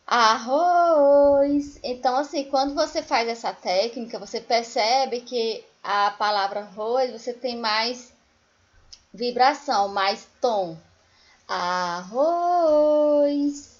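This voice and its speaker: Slow patient teacher woman. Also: fairly high pitch, highs cut off. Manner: slow, patient explaining, sings example words drawn out. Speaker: primary school teacher. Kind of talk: recorded remote lesson for children.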